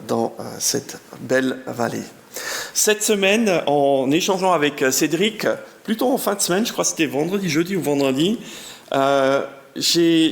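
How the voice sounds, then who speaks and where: The speaker is a gravelly, medium-pitched man in his fifties, a German-speaking Swiss guest pastor from Bern's German-speaking region. He delivers a sermon with Bible reading in French, carrying a Swiss German accent. Warm, chatty, and self-deprecating, he gives the scripture lively emphasis.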